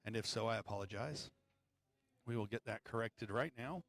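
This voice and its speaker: A man's voice: fairly low pitch, normal speed. A man hosting a live pool match stream, chatting casually with viewers between shots with joking asides. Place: pool hall.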